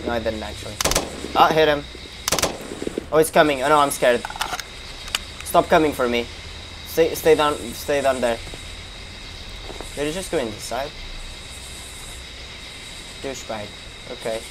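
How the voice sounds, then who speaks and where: A man's voice: mid-range voice, a little slow, pauses often, background noise. A young man giving casual gameplay commentary, reacting and swearing as he talks to himself. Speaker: gamer streamer. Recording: game gunfire behind voice. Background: gunshots and game ambience.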